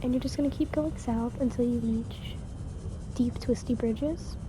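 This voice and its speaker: A woman's voice: on the high side, steady tone, measured pace, noisy background. A woman hosting a video game walkthrough with informal, step-by-step commentary and instructions. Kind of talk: casual gameplay commentary and instructions. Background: game sound.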